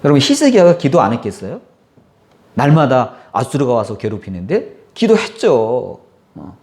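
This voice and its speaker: Male pastor, fervent sermon delivery, gravelly and animated. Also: mid-range voice, moderate pace. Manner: impassioned, acts out prayers and quotes, asks the congregation.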